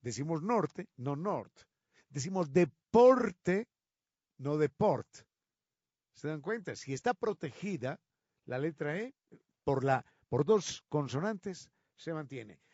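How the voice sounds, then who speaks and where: A fairly high-voiced man explains how words changed, slowing down to stress each example. The recording is dry and a little dull. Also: animated, a little mellow, no room sound. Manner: slow, emphatic on example words. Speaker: radio presenter of a language segment. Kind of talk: explanatory talk on word origins.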